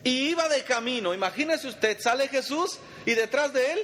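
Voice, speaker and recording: Male Bible study teacher, high voice, chatty, quizzes his listeners; long reverb and faint background noise. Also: animated, moderate pace, bright, forceful tone. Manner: quizzes the group and calls them brother.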